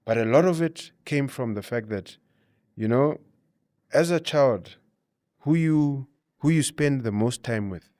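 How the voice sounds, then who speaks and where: A man talks as an interview guest in a mid-pitched voice. He explains his points conversationally, often checking in with 'you know' and 'you see'. The sound is close and dry, with very little room in it. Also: a little slow, mellow, no room sound. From Namibia. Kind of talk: conversational interview advice and storytelling.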